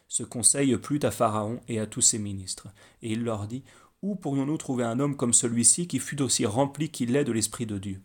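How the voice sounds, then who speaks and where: Man reading scripture aloud, measured. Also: medium pitch, darkish tone. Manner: measured reading with small slips and restarts. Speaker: Bible reader. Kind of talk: scripted narration.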